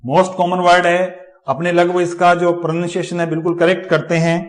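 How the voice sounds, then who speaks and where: A man's voice: high voice, flat delivery. Hindi-speaking male teacher drilling pronunciation. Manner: repeats each word slowly for drilling. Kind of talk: exam-prep phonetics lecture.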